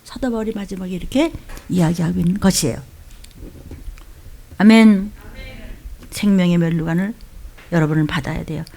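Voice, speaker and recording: Fiery woman pastor, gravelly voice. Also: on the low side, normal speed, pauses often. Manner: scolding, swings between shouting and whispering; mimics churchgoers in mocking quoted voices. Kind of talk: fiery sermon.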